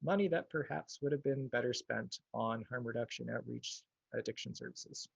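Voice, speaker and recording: A man's voice: mid-range voice, moderate pace, gravelly, slightly rough, dry recording, muffled recording. A man speaking as an activist guest in a casual livestream interview. He is thoughtful and hedges, with plenty of "like" and "you know".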